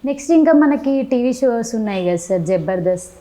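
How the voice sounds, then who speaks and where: Woman, interview host, mellow, soft, short replies. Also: a little high, animated, fairly quick. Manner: soft, brief acknowledgements.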